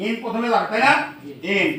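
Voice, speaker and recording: A man teaching English to a classroom of students, drilling words in call-and-response and urging them to repeat louder. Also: high voice, brisk. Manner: pushes class to answer louder. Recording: echoey classroom from far off, loud crowd noise.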